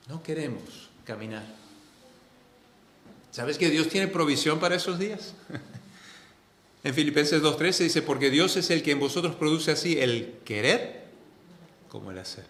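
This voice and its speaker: Earnest Spanish pastor in an echoey church. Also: male voice, expressive, unhurried, pauses often, a little hiss or hum. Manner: earnest, repeats key phrases for emphasis; swings between loud stresses and soft, low asides. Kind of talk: sermon. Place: church sanctuary.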